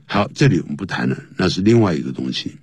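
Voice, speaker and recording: A man teaching an English lesson, explaining slowly and spelling words out letter by letter, his voice jumping high to stress key points. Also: expressive, darkish tone, breathy edge, dry recording.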